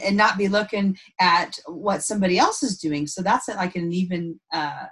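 Thoughtful woman podcast co-host. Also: on the low side. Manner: thoughtful, unpacks ideas aloud with frequent "and so" restarts; laughs easily. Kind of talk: casual reflective podcast chat.

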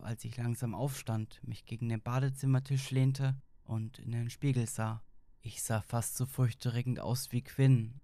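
A man reading a first-person creepypasta horror story in a steady, tense storytelling manner. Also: mid-range voice, no room sound.

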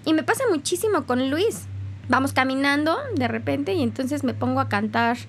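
Lively high-voiced Mexican woman. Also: normal speed, a little hiss or hum. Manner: lively, laughs often, loud and expressive. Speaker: podcast host. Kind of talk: casual solo podcast monologue.

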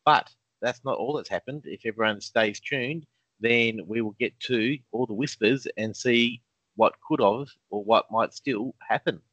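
A man's voice: medium pitch, a little slow, a bit bright, husky, dry recording. A man co-hosting a casual fantasy football chat, laid-back and jokey with lots of ums. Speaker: podcast co-host. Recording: dull lo-fi sound.

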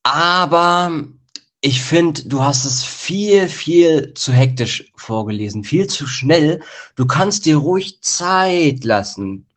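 A man's voice: on the high side, lively intonation, slow pace, fairly bright tone. Man giving rambling jury feedback. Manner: hesitant, rambling with fillers. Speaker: jury member.

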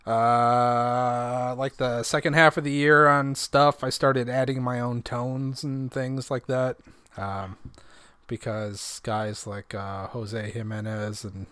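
A man's voice: mid-range voice, little pitch movement, takes it slowly, a bit bright, clean tone, no echo, studio quality. A middle-aged man co-hosting a podcast in casual chat, crude and self-deprecating, sometimes mumbling. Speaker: podcast co-host.

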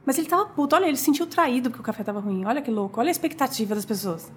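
High-voiced chatty woman guest. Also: very fast, a little hiss or hum. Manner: animated, chatty, lots of fillers and restarts. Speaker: guest, coffee business owner. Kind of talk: conversational interview storytelling.

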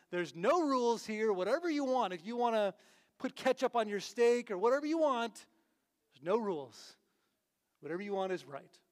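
A man's voice: high voice, in a large hall. A man preaching a casual sermon, conversational and full of fillers and restarts. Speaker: pastor.

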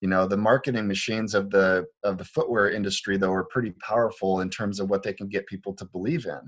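A man's voice: fairly low pitch, fairly even intonation, fast, breathy edge. A man from Liberia, a foot doctor, explaining his views in an earnest, conversational way with frequent restarts. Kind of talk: conversational interview. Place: Portland, Oregon clinic.

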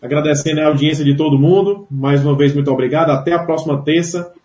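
A man's voice: a little high, fast talker, a little mellow. Brazilian man hosting in an echoey room. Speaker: host of a football club radio show. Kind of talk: casual unscripted presenting. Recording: dull, echoey web radio sound.

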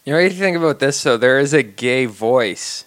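A man co-hosting a comedy podcast, making dry, deadpan jokes and laughing often. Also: medium pitch, normal speed. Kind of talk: casual chat.

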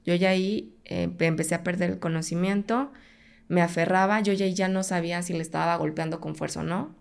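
A Mexican woman speaking as a podcast guest, her voice sitting a little low. She tells a personal story in conversation and voices her past pleas as she speaks. The telling stays intense throughout. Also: fairly even intonation, brisk, gravelly.

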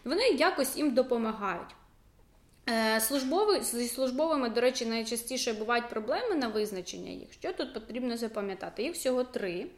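A woman's voice: a little high, lively intonation, fairly quick, reverberant. A young adult woman teacher, explaining a school subject in a casual, chatty way with many fillers and asides.

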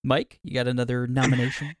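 A man hosting a casual podcast chat, reading out nominations slowly while he types them up. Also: mid-range voice, flat delivery, no room sound, studio quality. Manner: reads out picks slowly while typing. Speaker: podcast host.

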